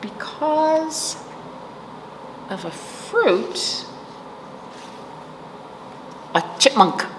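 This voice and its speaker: A middle-aged children's librarian speaks very slowly in a high-pitched, sing-song voice, pausing often. She's hosting virtual storytime for young children with rhymes and read-aloud, explaining simply and checking in with questions. She sits in a small indoor library room, and the recording is echoey with background noise.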